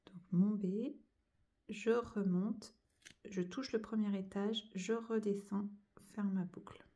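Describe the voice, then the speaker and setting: A woman's voice: mid-range voice, fairly even intonation, slow pace, mellow. A woman teaching young children to join cursive letters, going over each stroke and sound patiently, one step at a time. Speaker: handwriting teacher.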